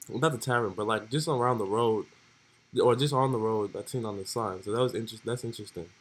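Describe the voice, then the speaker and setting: A man's voice: lowish voice, normal speed, rough recording. A young man streaming, laid-back and joking as he reads role-play text aloud in casual commentary.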